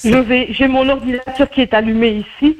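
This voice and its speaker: A woman's voice: high voice, fairly even intonation, fairly quick. A woman with a Liège accent, a singer on a phone call, speaking politely in long rambling sentences. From Belgium. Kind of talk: phone conversation.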